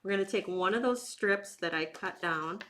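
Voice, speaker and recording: A craft instructor who also hosts bingo night walks through a project step by step, chatting informally and unhurriedly while her hands stay busy. Her mid-range voice is a bit bright, and there's slight background noise.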